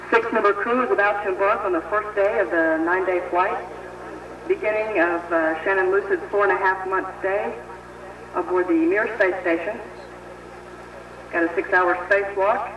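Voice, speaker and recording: A man's voice: high-pitched, steady tone, normal speed, a bit bright. A man giving launch countdown commentary, heard breaking up over a crackly radio speaker. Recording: distant echoey lo-fi radio playback with hiss.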